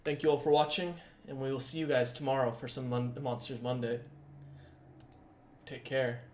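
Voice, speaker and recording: A man who is the dungeon master, narrating a tabletop game in a casual, halting way with lots of fillers. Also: mid-range voice, flat delivery, darkish tone, slight background noise.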